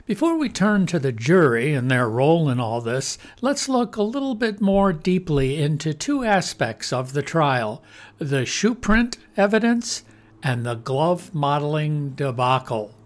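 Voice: mid-range voice, big pitch swings, measured pace. A presenter reading scripted narration in the manner of a closing argument to a jury, emphatic and full of pointed rhetorical questions.

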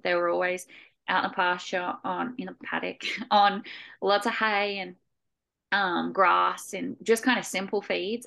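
A woman co-hosting a casual podcast, laid-back and relaxed, with fillers and the odd swear word. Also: mid-range voice, creaky. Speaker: podcast co-host.

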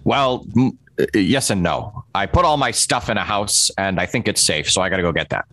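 A man's voice: low voice, lively intonation, normal speed, a bit bright, no room sound. A man playing a friendly, blunt adventurer in a tabletop game, talking in a breezy, rambling way. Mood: decisive. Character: friendly, blunt adventurer urging his wounded pal onward. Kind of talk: acted tabletop role-play.

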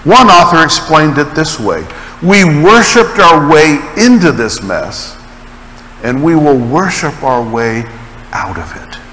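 A man preaching a sermon, telling stories with an animated delivery and dramatic pauses. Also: on the high side, long reverb tail, slight background noise, poor audio. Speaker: pastor.

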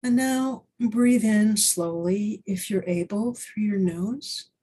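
A woman leading a guided breathing exercise, giving slow, gentle, soothing instructions. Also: medium pitch, slight background noise.

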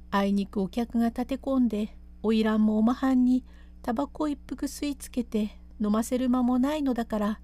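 A woman voicing an anxious woman attendant in an old pleasure house, urgently coaxing a courtesan to calm down in quarter speech. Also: on the high side, natural voice. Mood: hushed, urging.

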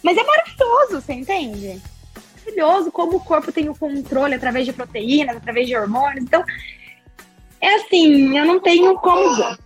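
A woman, a podcast guest telling her story in an expressive, chatty way with lots of tag questions. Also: high-pitched, brisk, faint music behind. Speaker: podcast guest, breastfeeding consultant. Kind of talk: casual interview chat.

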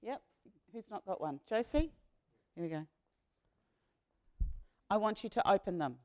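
A woman, leading an all-age sermon as a minister and retelling a story in a lively, slangy, conversational way. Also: medium pitch, a little slow. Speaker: minister leading a children's talk.

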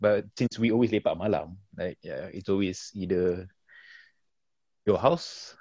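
A man's voice: deep voice, a little slow, mellow, no room sound. A man in casual chat with friends, mixing Malay into slangy English. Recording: dull lo-fi audio.

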